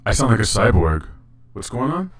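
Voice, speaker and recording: A man's voice: lowish voice, very animated, normal speed, soft background music. A man chatting casually on a livestream while his audio glitches into a half-robotic, cyborg-like sound. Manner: loose, joking, swears offhandedly. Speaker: livestream artist.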